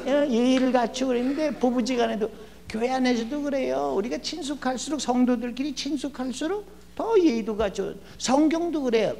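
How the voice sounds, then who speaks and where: A gravelly older man giving a lively, humorous lecture as a guest educator in a church. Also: sits high. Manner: lively, acts out quoted people with shouting and laughs. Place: church hall. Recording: long church hall reverb, faint hum.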